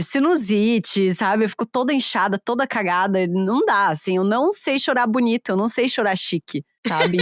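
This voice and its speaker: A woman's voice: medium pitch, no room sound, clean studio sound. A woman co-hosting a podcast, chatting casually in a candid, self-mocking way. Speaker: podcast co-host. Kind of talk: casual chat.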